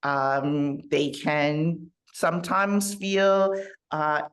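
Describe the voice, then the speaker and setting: A woman coach speaking as a podcast guest, measured and reflective, pausing often with fillers. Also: sits low. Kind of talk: casual interview conversation.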